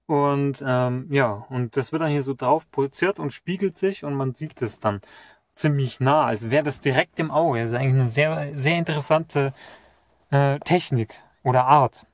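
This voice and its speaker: A man's voice: medium pitch, moderate pace, no room sound. A young man thinking aloud with fillers as he takes apart a parked car's dashboard, recorded on a camera inside the car. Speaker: car hobbyist vlogger. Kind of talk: casual how-to commentary while working. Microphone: action camera mounted in the car.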